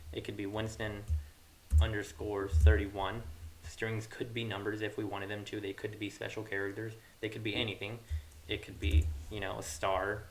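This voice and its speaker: A young man with a fairly low voice hosts an informal coding tutorial, musing aloud as he works. The recording is rough, with a hissy mic, keyboard clatter and hiss in the background.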